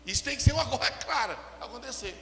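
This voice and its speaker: A pastor preaching a sermon, swinging between loud emphatic passages and quiet asides. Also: male voice, very high-pitched, expressive, quick pace, vocal fry. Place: church hall. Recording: echoey hall with long reverb.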